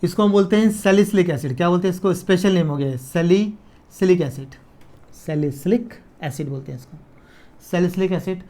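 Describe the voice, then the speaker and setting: A man's voice: sits high, mellow. Chemistry teacher, man. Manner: repeats key terms slowly, asks students "clear?". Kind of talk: casual classroom lecture.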